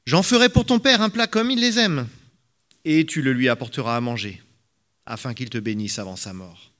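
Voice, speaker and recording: A man's voice: mid-range voice, moderate pace, a bit bright, lightly acted. A man voicing a scheming mother who gives firm, urgent orders in a scripture reading.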